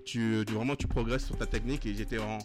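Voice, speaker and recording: Guest: a lower-voiced man who pauses and restarts often, with music playing behind. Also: fairly even intonation. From French Guiana. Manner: hesitant, many fillers and restarts. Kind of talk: casual interview chat.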